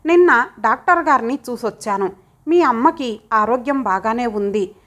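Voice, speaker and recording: A caring elder son, as a woman narrator puts him on, coaxing and affectionate. Read slowly in a high, gentle voice for a storybook. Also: animated. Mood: tender. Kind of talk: audiobook character voice.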